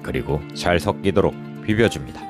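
This food review vlog host has a low-sitting, expressive voice and a brisk delivery, reading scripted voice-over narration. Music plays loudly underneath him.

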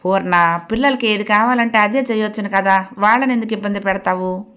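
A woman reading the lines of a gentle middle-aged father who mildly scolds his son. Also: medium pitch, fairly quick, close to an everyday voice. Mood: reproving. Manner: mildly reproving.

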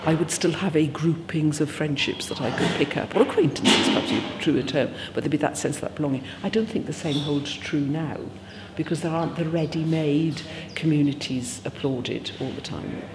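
A woman's voice: sits low, normal speed, few pauses. Reflective woman in a noisy hall. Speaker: interviewee. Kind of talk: casual interview.

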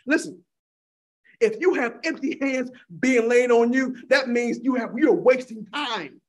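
Casting high-pitched male preacher, fervent sermon delivery, calls the crowd honey. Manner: fervent, repeating "my God in heaven" and calling listeners "honey".

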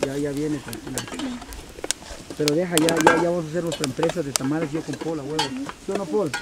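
Joking young Guatemalan man, loud sizzle behind. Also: on the high side, fast. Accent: Guatemalan Spanish. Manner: teasing, playful, talks to viewers. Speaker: vlogger cooking at a tamale contest. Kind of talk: casual joking banter. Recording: loud frying and sizzling noise.

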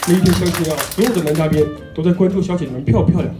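A man's voice: high voice, steady tone, very fast. A man performing a stand-up comedy routine into a stage microphone in a small club. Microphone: handheld or stand stage microphone. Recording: roomy club sound with music behind.

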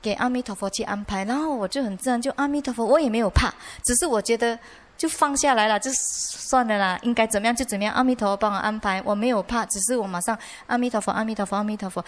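A Buddhist nun with a Malaysian Mandarin accent gives a dharma lecture in a fairly high voice. She tells stories with lively energy and peppers her sentences with chatty particles. Her delivery is warm and conversational, more storytelling than formal reading. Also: fast. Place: monastery lecture hall.

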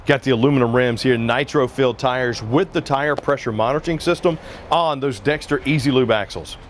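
A man in his forties briskly walks viewers around an RV on an outdoor lot, his mid-range voice picked up by a lapel mic with slight hiss or hum. His tone is the casual, upbeat banter of a salesman reviewing the product.

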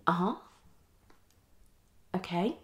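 A woman in about her thirties, in a small living room indoors, performs a fast, unpredictable ASMR roleplay as a psychologist, slipping between whispers and speech while muttering and repeating herself. Her lowish voice is animated, and she draws out her words.

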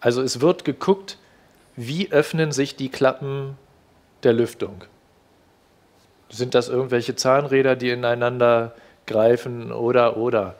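A reporter in his fifties, wearing a headset mic in a TV studio discussion, recounts what he filmed on a visit to a car fair. His mid-range voice is fairly even and measured, with frequent pauses, and he speaks hesitantly, full of restarts and fillers.

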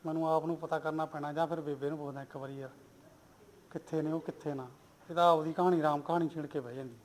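A man's voice: on the high side, steady tone, quick pace, a little hiss or hum, lightly acted, poor audio. A man playing a harried, pleading farmer husband in a homemade comedy drama. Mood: fretting. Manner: pleading, apologetic.

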